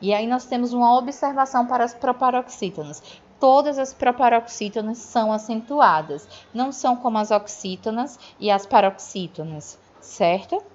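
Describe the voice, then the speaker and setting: A woman's voice: a little high, animated, normal speed. A Brazilian woman teacher going over grammar in a recorded review lesson, explaining step by step and checking in with her students. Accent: Brazilian Portuguese. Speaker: Portuguese teacher. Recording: dull lo-fi audio.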